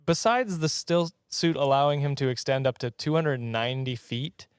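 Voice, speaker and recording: A man with a medium-pitched, clean voice speaks at a normal pace, recorded dry in a clean studio. He hosts a casual comedy podcast, sharing trivia and bantering in a jokey way, often chuckling as he talks.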